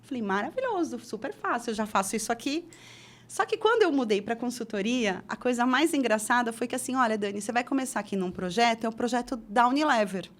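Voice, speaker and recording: Fast-talking with a fairly high pitch and lively intonation, a middle-aged woman from Brazil shares her career path as an interview guest. Her chatty delivery is full of restarts and fillers.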